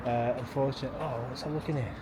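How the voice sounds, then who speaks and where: Young man, casual travel vlogger, rambling and chatty, recorded on a phone with street noise clearly behind him. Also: medium pitch, steady tone, rapid-fire. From England. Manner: chatty, rambling, full of restarts and fillers. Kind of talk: casual travel vlog narration. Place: outdoors in a small town and in a car. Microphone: phone camera.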